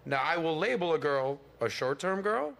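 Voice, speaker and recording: A man's voice: on the high side, sing-song, normal speed, gravelly, fairly bright tone. A man in his forties on a casual panel debate, laid-back and confident, speaking in slang. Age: 40s. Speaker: podcast panel guest.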